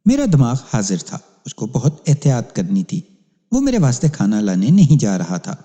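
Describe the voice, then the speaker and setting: A man's voice: mid-range voice, wildly swooping pitch, mellow. A man narrating a crime story as a police inspector, in an emphatic, dramatic reading. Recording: long hall reverb.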